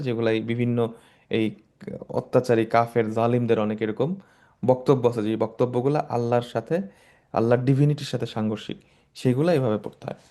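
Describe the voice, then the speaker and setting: A man's voice: mid-range voice, mellow. A man teaching Quranic Arabic grammar, explaining each word in turn and mixing English terms into his talk. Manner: slow, measured recitation of verses.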